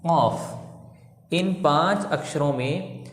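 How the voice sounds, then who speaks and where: Male tajweed teacher, slow patient drilling, fairly high voice, roomy echoing room. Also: a little hiss or hum. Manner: slow, patient, repeating letters and drilling sounds. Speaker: Quran recitation teacher. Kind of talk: step-by-step tajweed lesson.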